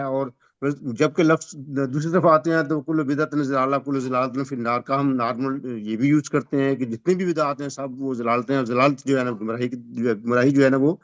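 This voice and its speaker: A man's voice: mid-range voice, no echo. A man, a student in a religious class, politely asks a long, rambling question. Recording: dull, dry lo-fi sound.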